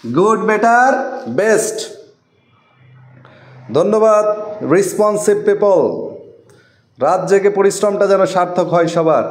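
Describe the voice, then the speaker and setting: Guy teaching english live online, kinda high voice, roomy echo, says each word form twice slow. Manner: repeats word forms slowly for note-taking.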